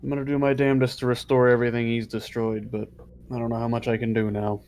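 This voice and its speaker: A man's voice: mid-range voice, level tone, fast, darkish tone, lightly acted. Man playing a grumbling, resolute adventurer. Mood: solemn, determined. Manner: grumbling, solemn vows. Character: grumbling, resolute lawful-good male adventurer.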